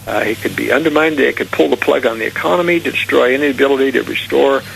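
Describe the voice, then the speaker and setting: A man's voice: medium pitch, quick pace, vocal fry, fairly bright tone, slight background noise, poor audio. A man speaking as a radio talk show guest, giving earnest, conspiratorial political warnings in long, unscripted explanations. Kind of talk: unscripted political interview commentary.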